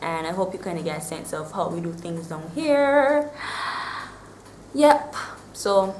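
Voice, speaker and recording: Her voice is lowish and darkish in tone, paced in a measured way, as this Bajan-accented woman in her twenties vlogs casually to the camera. She's recording indoors in a small room with bare walls, so there's a roomy echo and a bit of faint background noise.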